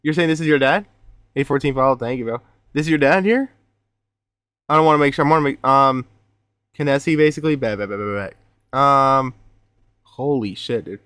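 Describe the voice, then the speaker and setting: A young man reacting live on stream, casual and excitable, swearing and calling everyone bro. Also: medium pitch, a little fast, pauses often, clean tone, dry recording.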